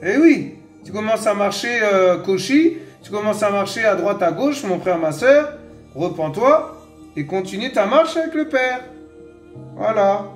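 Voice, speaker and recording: High-voiced man preaching in an echoey room. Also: lively intonation, measured pace, soft background music. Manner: exhorting, repeats phrases, many fillers. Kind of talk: informal Bible teaching.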